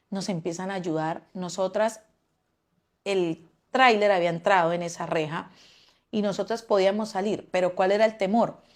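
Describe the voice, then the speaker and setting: A woman's voice: fairly low pitch, a little mellow. A woman giving a personal testimony, often stopping and repeating words as she recounts events.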